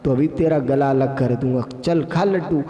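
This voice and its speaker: A man's voice: mid-range voice, moderate pace, dark tone, dull audio, natural voice. A man voicing a menacing, sword-wielding male demon who barks harsh commands, heard in an echoey hall. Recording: echoey hall with long reverb.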